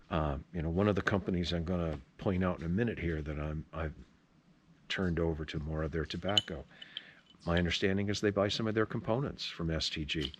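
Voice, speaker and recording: A man's voice: low voice, slight background noise. A man chatting casually to camera as a pipe tobacco vlogger, rambling along in an opinionated, folksy way. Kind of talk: casual rambling video chat.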